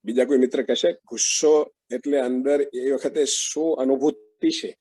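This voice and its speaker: This dry recording features a man with a warm, steady, medium-pitched voice edged with breathiness. As facilitator of an online workshop, he moves slowly, poses questions to participants, and affirms them with frequent murmurs.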